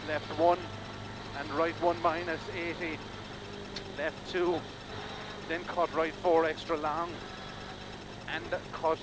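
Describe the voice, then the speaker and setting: A male rally co-driver fires off rapid pace notes in a terse, clipped delivery, calling directions and numbers at an even pitch. He's inside a rally car speeding along country lanes, and very loud engine and vehicle noise dominates the recording.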